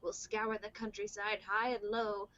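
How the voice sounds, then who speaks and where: A woman's voice: medium pitch, little pitch movement, measured pace, a bit bright, dry recording, muffled recording, close to an everyday voice. A woman reading the lines of a wise old male wizard mentor in a casual script read-through, in her own voice. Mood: earnest.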